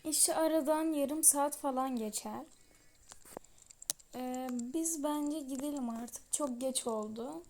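A woman's voice: high voice, slow, a little mellow, slight background noise. A woman with a sore throat narrating a toy-app story in a casual, chatty way, pleading with viewers. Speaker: storyteller and channel creator.

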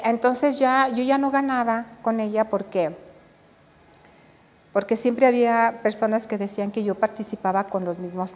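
A Mexican woman, an older embroidery artisan, telling her memories in an interview with animated storytelling and acted-out dialogue. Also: on the high side, big-room sound. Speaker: embroidery and drawn-thread artisan. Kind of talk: reminiscing interview.

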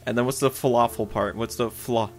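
A man's voice: medium pitch, steady tone, fairly quick. A man casually chatting while playing a video game, teasing and joking in banter. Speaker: co-host gamer. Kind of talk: casual gameplay chat.

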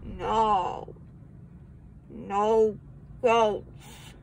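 A woman's voice: steady tone, extremely slow, gravelly, darkish tone. A teenage young woman chatting in a dazed, childlike way, slurring with a mouth numb from the dentist, in a car. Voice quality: slurred, mouth numb and full of gauze after dental surgery. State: numb from the dentist, woozy after wisdom teeth removal. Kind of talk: casual chat. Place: passenger seat of a moving car. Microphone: phone held by the driver's side, close. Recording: noisy moving car, road rumble.

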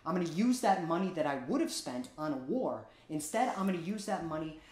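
A man's voice: fairly high pitch, expressive, a little fast, a little mellow, close to an everyday voice. A young man playing an indignant anti-war delegate in a comedy sketch, speaking in emphatic, pleading oratory. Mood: earnest, resolute. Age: young adult. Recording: roomy echo.

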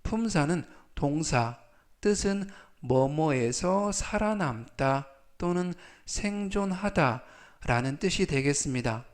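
Man, English vocabulary teacher, slightly high voice, very slow delivery, repeats each word three times, polite and formal. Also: animated. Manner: stretches English example sentences out very slowly. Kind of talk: slow, deliberate vocabulary lesson.

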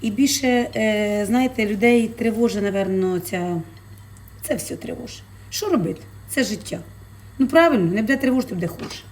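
A woman's voice: mid-range voice, brisk, a little mellow. A woman who sells fish, chatting in a casual cooking vlog from her home kitchen. She talks to her viewers affectionately and fills her speech with diminutives. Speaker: fish vendor and vlogger.

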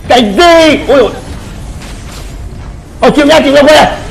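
A man's voice: extremely high pitch, expressive, brisk, gravelly, rough recording. A man giving casual gameplay commentary, swearing and crying out in pain as he plays. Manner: swears, cries out in pain during play. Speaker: gamer streamer.

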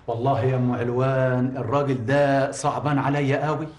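A man's voice: medium pitch, little pitch movement, brisk, roomy sound, background noise, close to an everyday voice. An actor playing a pious, kindly working-class Egyptian man in a TV drama, with an Egyptian accent. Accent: Egyptian Arabic. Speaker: kind poor man caring for a stranger. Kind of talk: 1980s Egyptian TV drama acting.

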